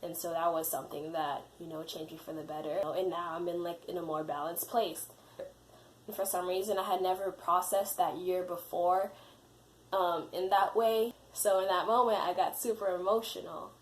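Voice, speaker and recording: A woman's voice: on the low side, steady tone, normal speed, a little hiss or hum, low-quality recording. A young adult woman casually telling a personal story to camera, full of "you know" and "like". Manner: chatty, leans on fillers like "you know" and "like". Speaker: vlogger.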